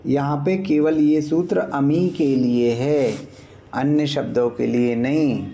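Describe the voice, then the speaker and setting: A man teaches Sanskrit grammar over a dull, lo-fi online class connection. He speaks slowly in a dark, gravelly voice. He pauses often to check that his students follow. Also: medium pitch, steady tone, slight background noise. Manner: patient, checks understanding, demonstrates sounds aloud. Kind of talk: online lesson explaining grammar.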